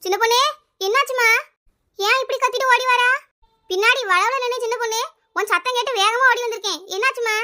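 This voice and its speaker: A kindly neighbour auntie in a comedy cartoon, fond and coaxing, with a Kanyakumari Tamil accent. Her voice is very high and bright. She talks at a quick clip. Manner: coaxing, fond, keeps calling her by pet name. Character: kindly neighbour woman Gomathi, elder-sister type.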